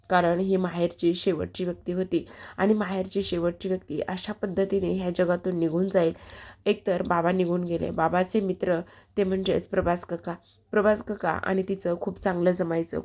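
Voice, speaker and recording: A woman narrates a TV serial episode scene by scene, using many fillers. Her voice is gravelly with a creaky edge, and her pitch stays flat. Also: normal speed. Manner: storytelling, filler-heavy.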